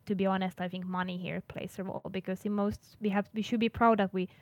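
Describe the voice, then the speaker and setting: A woman from Finland working as an international services coordinator answers interview questions at a mid-range pitch and a quick pace. Her delivery is flat yet earnest, with frequent word restarts and occasional light laughter. The recording is dry and close, with no echo.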